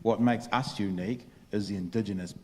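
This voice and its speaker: A man's voice: fairly low pitch, steady tone, fairly quick, mellow, long reverb tail, a little hiss or hum. A man, casually moderating a panel discussion and restarting his phrases.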